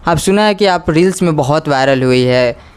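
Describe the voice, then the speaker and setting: A man's voice: a little high, lively intonation, normal speed, smooth. A man interviewing a guest as a reporter, pressing her with probing questions. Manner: probing questions, constant "hmm" acknowledgements. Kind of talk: street interview.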